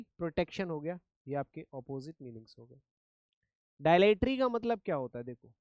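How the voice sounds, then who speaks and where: A man's voice: sits high, no room sound. A man from India teaching English vocabulary in Hindi, who repeats each word and gives memory tricks. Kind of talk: vocabulary lesson.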